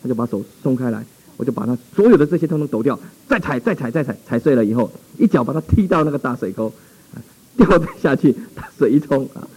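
Fast-talking husky male preacher. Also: medium pitch, expressive, a little mellow, rough recording. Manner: dramatic, exclamatory storytelling. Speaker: pastor. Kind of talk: sermon testimony storytelling.

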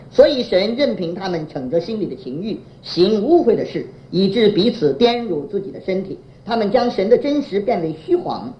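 A woman preacher delivering a sermon with a lively, swooping pitch. She keeps asking the congregation to fill in her words and chuckles through her anecdotes. The sound is roomy and dull, like an older lo-fi recording. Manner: poses fill-in questions to the congregation; chuckles while telling anecdotes.

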